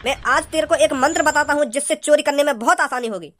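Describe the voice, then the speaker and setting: A performer voicing a domineering, crude gang boss and stern father, with a pitched-up cartoonish voice. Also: fast talker, a bit bright, a little hiss or hum. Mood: bossy. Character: bossy, greedy thief gang leader and stern father.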